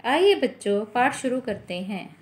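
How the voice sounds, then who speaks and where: A woman's voice: fairly high pitch, animated. A woman teacher giving a recorded grammar lesson to children, spelling words out sound by sound. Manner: slow, syllable-by-syllable dictation. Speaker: school teacher.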